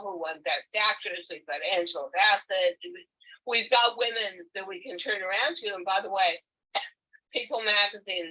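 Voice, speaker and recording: An older woman with a bright, forceful tone and a slightly low voice speaks over a video call. She tells her own story candidly and with emphasis, as an author talking with a book club. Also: low-quality recording. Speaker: author and guest. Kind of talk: conversational interview. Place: home, virtual meeting.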